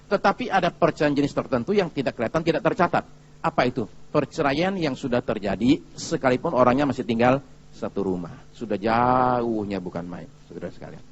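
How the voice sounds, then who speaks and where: Lively male pastor preaching, lo-fi. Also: medium pitch, fast talker. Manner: lively, chatty storytelling with audience asides. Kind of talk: sermon.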